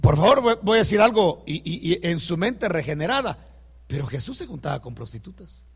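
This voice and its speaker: A man's voice: high-pitched, sing-song, a little fast, husky, in a large hall. A man preaching a sermon who speaks straight to the congregation and tells stories with quoted dialogue.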